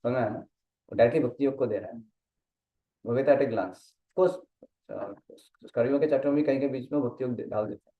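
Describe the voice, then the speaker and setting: A man's voice: mid-range voice, brisk. Echoey Hindi-English Gita teacher, man. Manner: checks understanding often, explains step by step. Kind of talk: casual class teaching, mixing Hindi and English. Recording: dull muffled sound in an echoey room.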